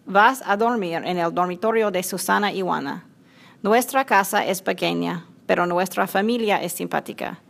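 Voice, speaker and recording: A woman voicing a kind, welcoming father of a family in a spoken storybook, speaking slowly and deliberately. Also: on the low side, gravelly.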